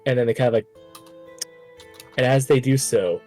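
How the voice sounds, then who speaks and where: A man narrating a tabletop game as game master, animated and casual, swearing freely. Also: medium pitch, moderate pace, faint music behind.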